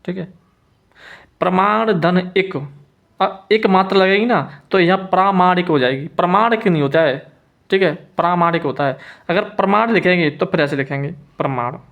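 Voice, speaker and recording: Male teacher, slightly high-pitched, patient, slowly repeats words, muffled lo-fi recording. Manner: repeats each word slowly, stretching syllables; checks in often with the listener. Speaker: Hindi spelling teacher. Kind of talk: slow spelling lesson.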